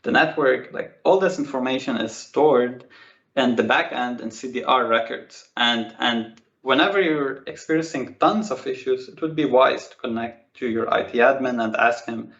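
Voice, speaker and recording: A man's voice: mid-range voice, moderate pace, fairly bright tone. A man on a video call walking through technical call metrics in a casual, enthusiastic way, repeating words and often calling things amazing. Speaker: Microsoft Teams expert guest. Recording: roomy, dull lo-fi call audio.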